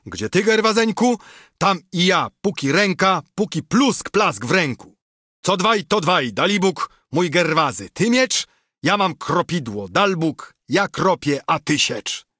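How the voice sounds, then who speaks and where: A man's voice: high voice, very animated, measured pace, husky, no room sound, studio quality, pitched above the performer's own voice, heavily acted. A man voicing a boisterous, swaggering male nobleman with a club, in an audiobook reading of an epic poem. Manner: loud, swaggering.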